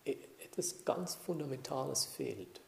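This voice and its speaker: A man giving a calm, unhurried dharma talk to a group as a meditation teacher, pausing to check in with his listeners. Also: medium pitch, vocal fry, reverberant, slight background noise.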